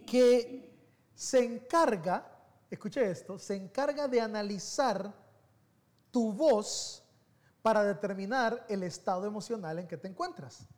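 A man giving a sermon as pastor, telling personal stories in an animated, conversational way that swings between soft and loud. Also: sits high.

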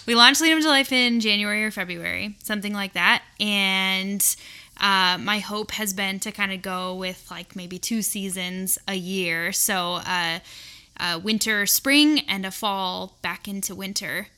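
A woman's voice: mid-range voice, unhurried, bright, forceful tone. A woman hosting a podcast from her living room, chatting in a bubbly, giggly, rambling way. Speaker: podcast host. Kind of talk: casual chat.

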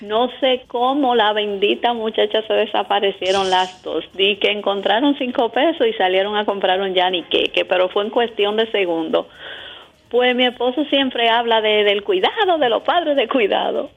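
A married woman, telling an animated anecdote in a casual chat. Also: medium pitch, moderate pace, creaky, lo-fi sound.

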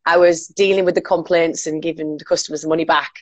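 A woman's voice: sits low, steady tone, fast, no room sound. A woman in her late twenties with a Northern English accent, a radio presenter chatting informally as a guest and telling anecdotes. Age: late 20s. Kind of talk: casual chat, telling anecdotes.

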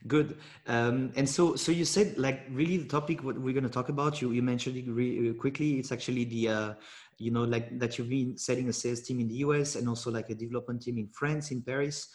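Host, male, mid pitch; friendly interviewer, halting, lots of fillers. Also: steady tone. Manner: halting, filler-heavy questions. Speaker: podcast host. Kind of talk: podcast interview.

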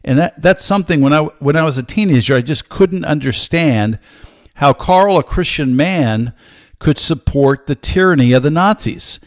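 Older man hosting a show, earnest teaching tone, steady measured delivery with pauses, dry close mic. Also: fairly high pitch, no echo. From United States. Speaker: host, Bible teacher. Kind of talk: teaching monologue with personal story.

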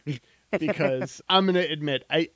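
A man's voice: fairly high pitch, normal speed, fairly bright tone, no room sound. A man co-hosting a podcast who also runs tabletop games, chatting casually and telling stories playfully. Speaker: podcast co-host, game master. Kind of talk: casual chat.

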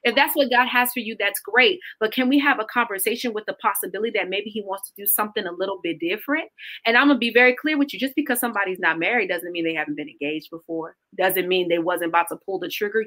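A woman's voice: medium pitch, fast talker. A woman speaking as a podcast guest in casual faith talk, earnest and emphatic. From Caribbean roots. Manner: earnest, emphatic, animated storytelling.

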